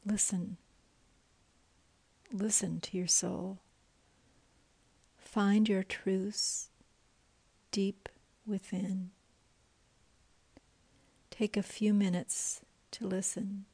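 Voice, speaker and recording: A woman leading a guided meditation in a soft, breathy voice that often drops to a whisper. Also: mid-range voice, flat delivery, very slow, long pauses.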